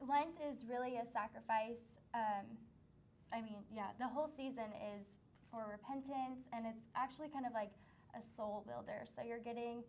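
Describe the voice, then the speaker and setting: A woman's voice: a little high, slight background noise. A young woman co-hosting a student talk show, chatting casually with many ums and easy laughs. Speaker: student producer and co-host. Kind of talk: casual interview chat.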